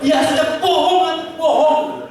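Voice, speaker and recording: A shrill, quick-to-accuse wife, pitched well up high, as a man puts her on in falsetto. The voice rings through a big echoey hall, picked up from a distance. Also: fairly even intonation, a little mellow. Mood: accusing. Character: nagging wife, middle-aged woman, quick to accuse.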